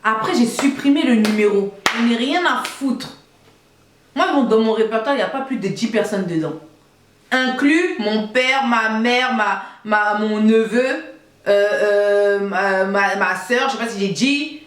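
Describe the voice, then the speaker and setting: A young woman from Côte d'Ivoire, telling a story to her viewers in an animated, emphatic way. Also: on the high side, unhurried, roomy sound. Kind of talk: casual storytime monologue.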